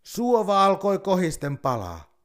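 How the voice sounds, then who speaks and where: A man narrating a folk tale, expressive and measured. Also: high-pitched. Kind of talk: storybook narration.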